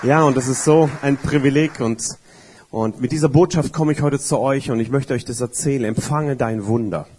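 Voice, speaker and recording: A middle-aged man preaching a sermon with emphasis, repeating key phrases and swinging between loud and quiet. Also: mid-range voice, a little fast, breathy edge, some chatter behind.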